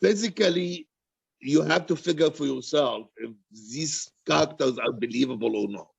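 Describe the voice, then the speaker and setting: With a fairly high, breathy voice marked by vocal fry, this man talks at a moderate pace about his writing. He's an author and poet taking audience questions at an animated, candid book reading, emphatic and repeating himself for stress. The recording is dry and low in quality.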